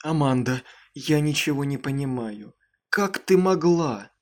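A man's voice: mid-range voice, expressive, measured pace, close to an everyday voice. A man reading an audiobook, voicing a middle-aged mother who speaks breathlessly in alarm. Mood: bewildered. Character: startled worried mother, middle-aged woman.

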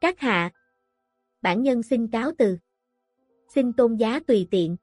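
A woman's voice: on the high side, lively intonation, slow, a little mellow, dry recording, studio quality, faint music behind. A woman voicing a formal, polite male guard in brocade robes. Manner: courteous, ceremonious.

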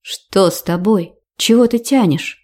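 A woman's voice: medium pitch, a little mellow, lightly acted. Woman doing a stern motherly older mentor. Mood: firm motherly. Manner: scolding, measured, firm.

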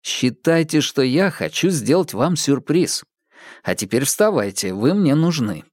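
A man playing a calm, ironic young male detective with a dry, teasing, unhurried manner in an audiobook. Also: medium pitch, dry recording, voice pushed up. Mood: wry.

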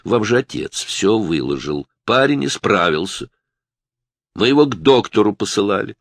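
A curt, bony mother defends her son in short, snappish lines. A male narrator voices her, his voice low and lively, and the sound is dry. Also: normal speed, dry recording. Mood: prickly.

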